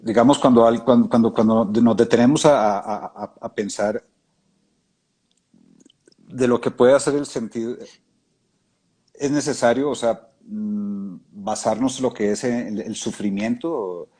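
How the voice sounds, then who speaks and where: A man's voice: mid-range voice, a little slow, mellow, slightly rough. A man in a conversation, hesitantly searching for his words and repeating himself as he shares a thought. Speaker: conversation partner. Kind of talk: casual conversation.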